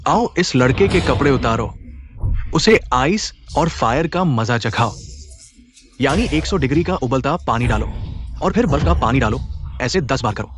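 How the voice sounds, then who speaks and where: A man's voice: medium pitch, expressive, normal speed, soft background music, lightly acted. A man voicing a vengeful, powerful middle-aged father who commands his men coldly, in a dubbed drama. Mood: cold cruel. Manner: cold, menacing, commanding.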